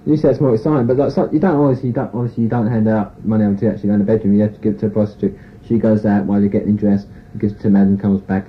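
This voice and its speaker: A man, giving a frank, rambling personal account in an interview, full of "you know" and "sort of". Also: on the low side. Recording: tinny phone-like tape recording with faint hiss.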